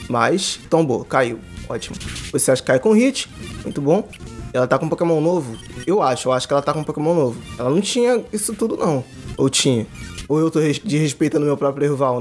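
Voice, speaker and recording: Young male gaming commentator, quick and a bit high-voiced, excited and slangy, faint game music behind. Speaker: gaming YouTuber. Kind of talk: casual gameplay commentary.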